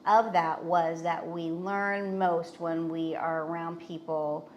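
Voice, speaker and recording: A middle-aged woman from Ohio, a guest on a podcast, telling her story in a warm, reflective, conversational way. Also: on the low side, flat delivery, takes it slowly, slight background noise. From Norwood, Ohio, USA.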